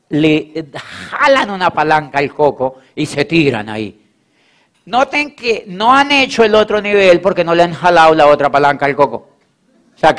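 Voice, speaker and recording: Emphatic man giving a motivational talk. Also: fairly high pitch. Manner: repetitive, emphatic, acts out quoted voices. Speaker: motivational speaker.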